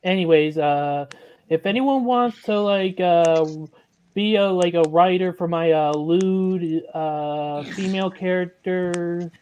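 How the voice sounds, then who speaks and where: A man's voice: sits high, slow, darkish tone, clear, resonant tone. A nineteen-year-old man in a group voice chat, speaking hesitantly with many fillers. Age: young adult. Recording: muffled call audio with faint noise.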